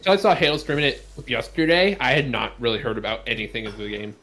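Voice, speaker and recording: A man's voice: medium pitch, steady tone, fast, a bit bright. Rambling man on voice chat. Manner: rambling, self-correcting explanations. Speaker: guest joining over voice chat. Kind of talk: casual gaming chat.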